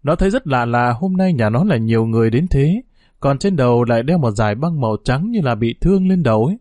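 A man narrates a short story in a steady, mournful tone at a mid-range pitch. The recording is dry and close with no room sound. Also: fast talker, dry recording.

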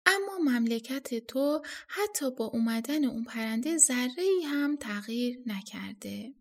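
A woman voicing a stern, commanding old male hermit sage who scolds slowly and weightily in a storybook reading. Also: a little high, animated. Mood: scolding. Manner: slow, scolding, weighty delivery.

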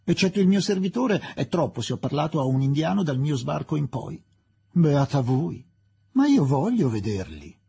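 A man voicing a frank, curious young Englishwoman who speaks her mind, in a husky voice. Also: a little high, sing-song, normal speed, mellow, pitched above the performer's own voice, exaggerated voice. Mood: earnest. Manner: outspoken.

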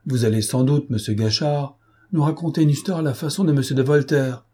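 A man's voice: medium pitch, brisk, warm tone, breathy edge, voice pushed up, natural voice. A man voicing a haughty nobleman who speaks with ironic superiority. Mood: mocking. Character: haughty, mocking nobleman prince.

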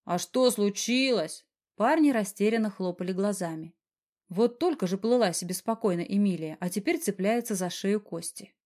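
Woman, audiobook narrator, scripted narration, even storytelling. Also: medium pitch, normal speed.

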